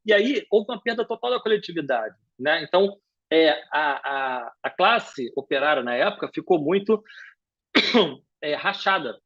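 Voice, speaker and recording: A man with a Brazilian Portuguese accent giving a brisk, animated talk over a video call, often filling pauses with "é". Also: fairly high pitch, lo-fi sound. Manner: brisk, animated lecturing with frequent filler "é". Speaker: guest speaker, professor. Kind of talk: live webinar lecture.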